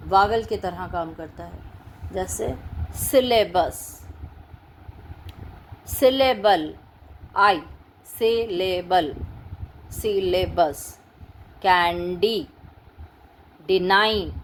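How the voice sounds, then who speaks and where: A woman teaching phonics, spelling words out letter by letter in a slow, deliberate way. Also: medium pitch, slight background noise, low-quality recording. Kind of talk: classroom-style phonics lesson.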